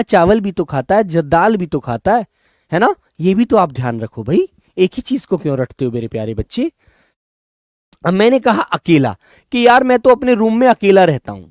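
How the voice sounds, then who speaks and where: A man teaching in a live online class, coaxing his students and drilling words by repeating them slowly. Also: high voice, a little mellow, no echo, studio quality. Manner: coaxing, addresses students as children and brothers. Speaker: Hindi teacher.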